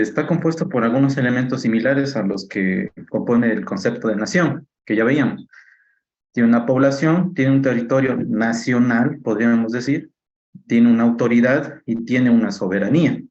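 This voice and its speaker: A male student answering in class over a video call, hedging and measured, with many fillers. His voice is medium in pitch. The audio is dull and sounds roomy. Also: darkish tone.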